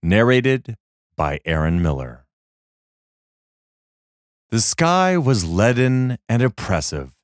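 A man narrating a fantasy story as an audiobook reader, in a measured, dramatic storytelling manner. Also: on the low side, dry recording, clean studio sound. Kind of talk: scripted narration.

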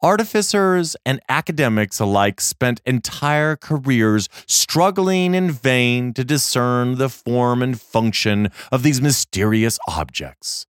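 Slow, dramatic male storybook narrator. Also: medium pitch, smooth, dry recording, clean studio sound. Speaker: audiobook narrator. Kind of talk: scripted narration.

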